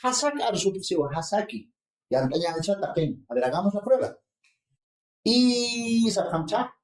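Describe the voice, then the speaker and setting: A university lecturer teaches a phonetics seminar, moving through the material step by step. The speaker keeps pausing to check in with the students. The voice carries the echo of a classroom. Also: mid-range voice, sing-song, darkish tone. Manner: explains slowly, checks in with the class often. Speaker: linguistics lecturer.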